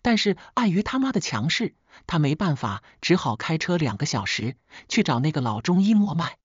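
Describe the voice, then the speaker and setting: Husky woman reading a dramatic family story, dry dull lo-fi sound. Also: low-pitched, big pitch swings, normal speed, no room sound. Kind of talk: first-person scripted narration of a family drama. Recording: slightly dull, dry lo-fi recording.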